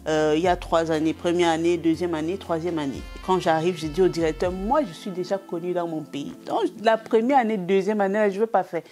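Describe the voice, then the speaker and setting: A woman from Cameroon, a stand-up comedian, telling stories from her career in a lively, relaxed interview. She acts out bits of dialogue and laughs often. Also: lowish voice, brisk, hardly any pauses, faint music behind. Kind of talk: relaxed anecdotal storytelling.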